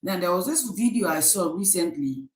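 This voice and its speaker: Nigerian woman, live-stream host, lowish voice, echoey room, chatty with many ums. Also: lively intonation, normal speed. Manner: chatty, greets viewers by name, many fillers. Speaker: livestream host. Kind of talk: casual live-stream chat.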